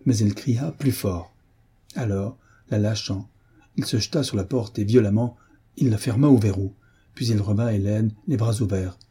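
A man narrating a classic novel aloud in a measured storytelling voice, slowing down over lists of details. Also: lowish voice, dark tone, slightly rough. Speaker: audiobook narrator.

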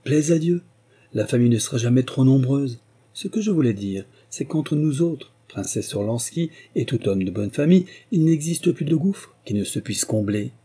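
A man reading an audiobook voices a calm, composed young woman. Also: mid-range voice, moderate pace, breathy edge, voice pushed up. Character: calm, clever young woman, elder daughter.

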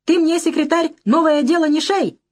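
Woman doing a hysterical male ringleader, shrill, sneering, audiobook voice, high-pitched. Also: expressive, moderate pace. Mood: shrill scornful. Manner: shrieking, contemptuous. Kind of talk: audiobook character voice.

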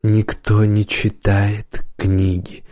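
A laconic warrior who answers in few words, low and unhurried, with a slow steady delivery, as the audiobook narrator voices him. The sound is dry and close, with no room around it. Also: male voice, no echo. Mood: terse. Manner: laconic, flat, quiet. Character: calm, terse male wanderer, reserved warrior.

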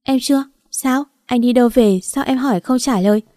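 A pouty, craving young wife in a storybook reading, whining and pleading in a raised, higher voice, as a woman puts her on. The tone stays mellow and soft-edged, recorded dry and close. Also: fairly quick, no echo, natural voice.

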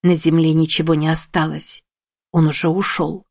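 A woman narrating a fantasy audiobook in a steady, even storytelling voice. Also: sits low, moderate pace, creaky, no room sound, studio quality. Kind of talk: scripted narration.

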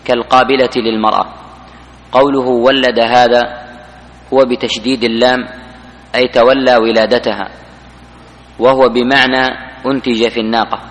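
A man reading a book's commentary aloud to the class in a mosque, in an even recitation. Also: medium pitch. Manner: even, flat recitation of the text. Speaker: student reading the text aloud. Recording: reverberant mosque hall recording.

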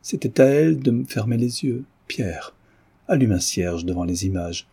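A man's voice: mid-range voice, expressive, moderate pace, vocal fry, warm tone, husky. A man reading aloud, voicing a frail, anxious old mother who speaks in an imploring way. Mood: pleading.

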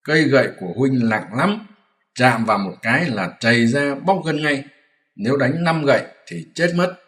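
A man's voice: medium pitch, expressive, moderate pace, fairly bright tone, lightly acted. A man voicing a lazy, fearful pig-monk who pleads and blusters in a whiny, flustered way, in a storybook reading. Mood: pleading. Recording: roomy echoey room.

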